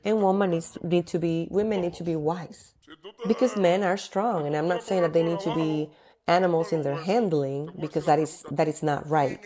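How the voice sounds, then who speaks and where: A woman delivering a sermon in an emphatic style, repeating her key phrases for weight. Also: on the low side.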